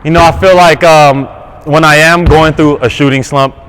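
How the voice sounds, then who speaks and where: A man in his thirties from California, a basketball player talking casually as an interview guest, relaxed and full of fillers. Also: on the high side, moderate pace, a little hiss or hum. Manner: relaxed, easygoing, many fillers and restarts. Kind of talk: casual interview while shooting around. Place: indoor basketball court.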